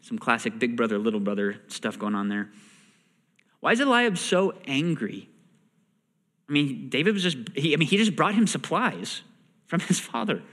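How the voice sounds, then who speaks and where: A man's voice: mid-range voice, moderate pace. A man preaching a sermon, reading scripture and explaining it in a conversational way, sometimes acting out the characters' lines. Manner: animated, acts out characters' lines. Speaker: pastor. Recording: long hall reverb.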